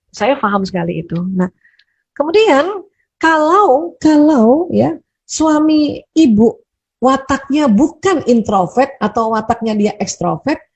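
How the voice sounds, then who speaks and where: A woman speaker answering audience questions in a gentle, conversational advice talk, often repeating words and adding little tag words. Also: sits high, lo-fi sound.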